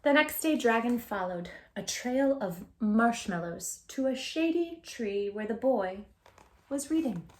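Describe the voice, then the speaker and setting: A woman reading a picture book aloud to young children, with dramatic emphasis, hushed asides and questions to her listeners. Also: on the high side, lively intonation, unhurried, reverberant. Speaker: children's storytime host.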